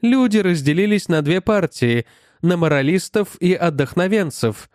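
A man voicing an old, rusty male robot that was just brought back to life, speaking in a steady, explaining way. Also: high-pitched, moderate pace, dry recording, clean studio sound, pitched above the performer's own voice. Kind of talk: audiobook narration.

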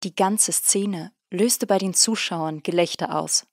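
A woman reads a story aloud in a steady, measured way, her voice on the low side. The recording is dry and close, with no room sound. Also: dry recording. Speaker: narrator. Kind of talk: audiobook narration.

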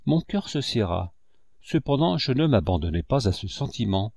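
A man narrating an audiobook with a mid-pitched voice and animated, rising and falling intonation. His storytelling is expressive and measured. The recording is close and dry, with no room sound. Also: gravelly, no echo. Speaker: audiobook reader.

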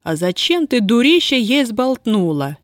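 Женщина читает реплики сердитой, резкой на язык молодой крестьянки, ругающейся простонародной речью. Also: female voice, medium pitch, lively intonation, unhurried, no room sound, studio quality, close to an everyday voice. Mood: scolding. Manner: gruff, scolding, folk speech. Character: grim, sharp-tongued young peasant woman, bound.

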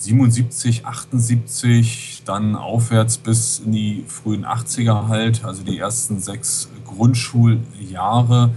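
A man in his forties from West Berlin rambles casually as a podcast guest over a noisy Skype line, using plenty of fillers. His fairly low voice is slow and fairly even, with few pauses.

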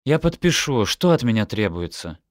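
A man's voice: mid-range voice, sing-song, normal speed, no echo, clean studio sound, lightly acted. A man reading an audiobook, voicing a blunt, hot-tempered adult sister who talks curtly and impatiently. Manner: curt, impatient.

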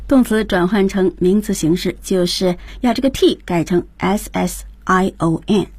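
A woman's voice: mid-range voice, unhurried, a little mellow, breathy edge, dry recording. A woman co-hosting a radio English lesson, introducing each new word and repeating the teacher's points. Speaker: radio co-host. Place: radio studio.

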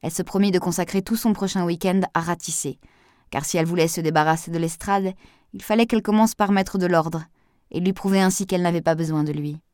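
Audiobook narrator, woman, lower voice, measured expressive reading, dry. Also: no room sound.

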